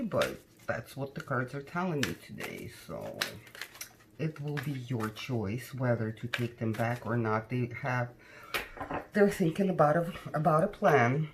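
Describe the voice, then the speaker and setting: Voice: medium pitch, background noise. A tarot card reader talking casually to viewers in a conversational, cautioning way, often tagging questions onto statements.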